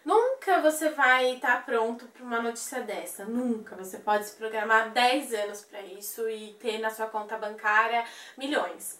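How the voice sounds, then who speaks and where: A young woman telling a personal story in an interview, animated and acting out the voices of the people in it. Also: on the high side. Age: young adult. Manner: animated, acts out quoted voices. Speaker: interview guest. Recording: echoey room, voice from a distance.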